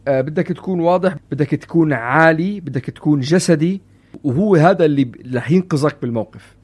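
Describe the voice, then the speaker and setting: Male co-host for a parenting podcast: rapid, higher-pitched, animated storyteller who mixes in English. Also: husky. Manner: lively storyteller, drops in English phrases. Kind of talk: casual parenting chat.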